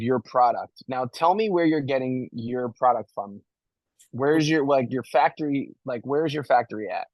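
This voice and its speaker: A man hosting a casual interview, asking relaxed questions and affirming answers with short backchannels. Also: mid-range voice, dry recording, rough recording. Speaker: podcast host interviewer.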